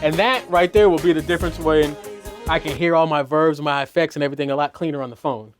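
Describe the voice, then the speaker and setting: A man's voice: a little high, fairly even intonation, fast, soft background music. A middle-aged mix engineer talks through his mixing process in a studio, casual and loose, full of "you know" and restarts. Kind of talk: teaching a mixing walkthrough.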